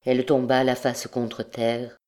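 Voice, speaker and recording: A woman narrates a classic novel in a slow, measured, grave manner. Her voice sits low and mellow, unhurried from phrase to phrase. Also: level tone. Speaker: audiobook narrator. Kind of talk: literary audiobook narration.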